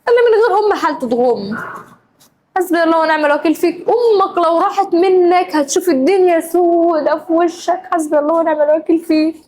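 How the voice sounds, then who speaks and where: A woman's voice: very high-pitched, fast talker, a little mellow, slight background noise, poor audio. A young Egyptian woman with an Egyptian accent, acting in a family drama, scolding over and over and growing emotional. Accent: Egyptian Arabic. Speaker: regular of the show.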